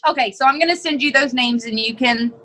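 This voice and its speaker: A woman co-hosting a casual podcast chat, animated and laughing often as she builds theories. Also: sits high, fast, rough recording. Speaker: podcast co-host.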